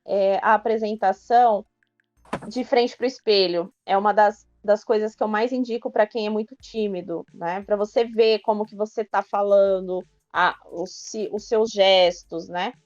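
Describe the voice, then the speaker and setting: A woman's voice: mid-range voice, steady tone, normal speed, a little mellow, dry recording, lo-fi sound. A woman from Brazil on a podcast, giving practical advice in a chatty, explanatory way. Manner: explanatory, many filler tags. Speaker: guest speaker on public speaking.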